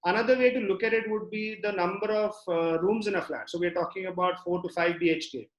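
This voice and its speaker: A man's voice: high voice, fast talker, muffled recording. A man with an Indian accent answering questions conversationally about his business, in an echoey room. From Pune, India. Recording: echoey room on online call.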